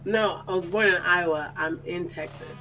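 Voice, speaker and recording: A woman's voice: fairly low pitch, normal speed, sharp tone, poor audio. A young woman on a headset in her bedroom, chatting casually with a date on stream and drifting off topic.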